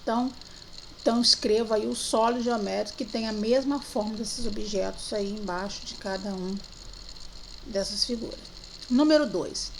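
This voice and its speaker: A woman teacher from Brazil, guiding young children through worksheets in a remote lesson, slowly drawing out syllables and words. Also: medium pitch, gravelly, slight background noise. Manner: slow, drawn-out syllables for children.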